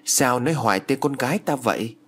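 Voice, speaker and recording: A man's voice: medium pitch, expressive, a little fast, slightly rough. A man voicing a grieving village mother who cries out for her lost daughter. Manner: cries out, pleading and overjoyed.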